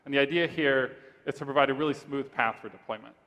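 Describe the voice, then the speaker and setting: A man pitching his startup on stage, then answering judges' questions in a steady, rehearsed way. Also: fast. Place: large event hall stage. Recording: reverberant conference hall.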